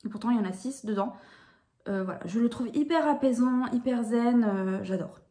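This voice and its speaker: A woman's voice: fairly high pitch, moderate pace, warm tone, echoey room, slight background noise. A woman in her thirties chatting casually and enthusiastically as she shows a haul on her vlog, with many fillers. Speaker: puzzle vlogger.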